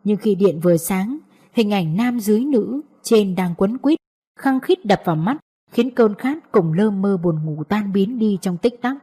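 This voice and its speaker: Mellow female audiobook narrator. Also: medium pitch, expressive, measured pace, husky. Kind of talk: scripted story narration.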